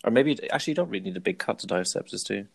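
A man chatting casually as a podcast co-host, hesitant and joking in a dry, deadpan way. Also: lowish voice, racing, gravelly, husky. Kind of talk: casual chat.

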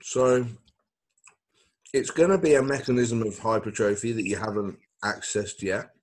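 Husky low-voiced man explaining. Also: normal speed. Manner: technical, explanatory, laid-back. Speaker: podcast co-host. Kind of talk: casual chat.

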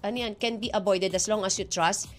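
A woman's voice: mid-range voice, fairly even intonation, a little fast, faint music behind. A woman co-hosting a morning radio show, reading listener messages aloud and chatting in a mix of Tagalog and English. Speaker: radio DJ co-host. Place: radio studio. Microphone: studio mic.

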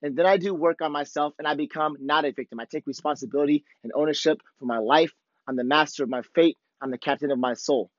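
A hoarse man with a worn-out voice hosting a podcast, talking casually and candidly in a rambling, profanity-heavy motivational monologue. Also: a little high, steady tone, quick pace. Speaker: podcast host. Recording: dull, lo-fi, roomy echo.

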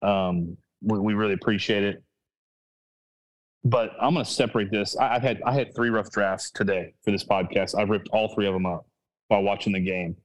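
A man's voice: on the low side, steady tone, normal speed, poor audio. A man hosting a casual sports podcast, rambling and restarting his sentences as he thinks aloud. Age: adult with a child. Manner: rambling, full of restarts and self-corrections. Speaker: podcast host.

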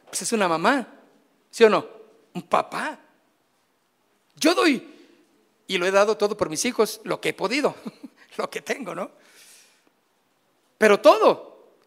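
High-voiced Mexican pastor preaching in a hall. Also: male voice, sing-song, a little slow, vocal fry, long pauses, fairly bright tone. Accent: Mexican Spanish. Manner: conversational, asks the congregation questions, jokes. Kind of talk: sermon. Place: church hall.

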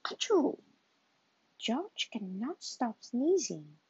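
A woman reading a children's storybook aloud in a slow, gentle manner, on a dull lo-fi recording. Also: a little high, sing-song, vocal fry, husky, no room sound.

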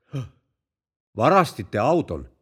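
A man's voice: mid-range voice, sing-song, fairly bright tone. A man voicing an alarmed male motorcycle policeman in a told joke, stern at first and then calling for help in a panic.

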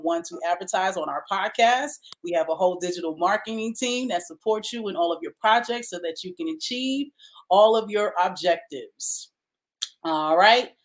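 A woman co-hosting a podcast, giving casual, slangy plugs and sign-offs with an upbeat manner. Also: mid-range voice. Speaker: podcast co-host.

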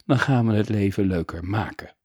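A man's voice: lowish voice, moderate pace, a little mellow, breathy edge, dry recording, studio quality. A man voicing a kind, playful inventor father in a storybook reading, with a coaxing, raised delivery. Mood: gentle.

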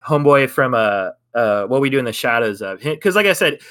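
A man's voice: medium pitch, expressive, brisk, a bit bright. A young man co-hosting a podcast, reviewing a film in a rambling, hedging way and laughing often. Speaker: podcast co-host. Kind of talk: casual film review chat.

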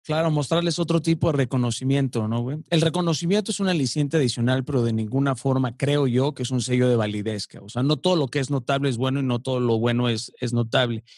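A man's voice: mid-range voice, fast talker, few pauses, darkish tone, dry recording, studio quality. A man, interviewing conversationally and reflectively, with slang and swearing. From Mazatlán, Mexico.

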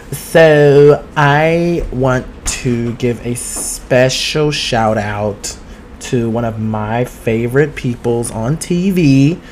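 Male podcast host, mid-pitched, sassy gossip chatter, streaming from home. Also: a little mellow, slight background noise. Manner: sassy, outspoken, swears freely; talks straight to listeners. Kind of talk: casual gossip chat. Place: home studio. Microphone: streaming with two cameras.

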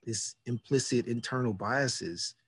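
A man's voice: mid-range voice, measured pace, a bit bright, husky, no echo, clean studio sound. A man in his fifties hosting a reflective conversation, earnest and repeating key words for emphasis. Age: 50s. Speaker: podcast host.

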